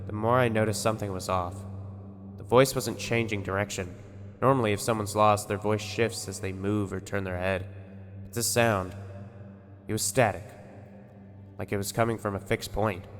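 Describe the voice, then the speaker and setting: Deep-voiced man telling a horror story. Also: fairly even intonation, moderate pace, pauses often. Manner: tense, conversational first-person telling. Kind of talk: scripted story narration. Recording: long reverb with music behind.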